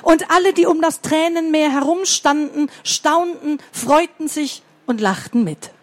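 A woman reading a fairy tale aloud to children in a slow, expressive way, pausing to ask them questions. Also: sits high. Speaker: storyteller for children.

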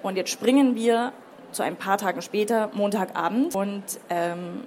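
A woman's voice: medium pitch, measured pace, darkish tone, slight background noise. A woman reading a novel aloud, with chatty commentary between passages. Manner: chatty, with fillers. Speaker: book reader.

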